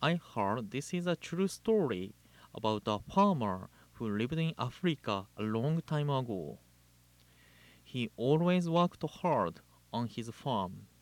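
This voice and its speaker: A man from Japan with a Japanese accent, a Buddhist minister giving a measured, deliberate Dharma talk and telling a story. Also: mid-range voice, sing-song, no room sound. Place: living in Hawaii.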